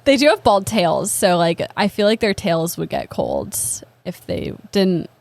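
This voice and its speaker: A woman's voice: fairly low pitch, very animated, measured pace, gravelly, dry recording. A young woman co-hosting a podcast, telling an odd history story in a casual, self-deprecating way, full of "like". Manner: chatty, self-deprecating, lots of "like". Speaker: podcast co-host. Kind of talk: casual comedic history chat.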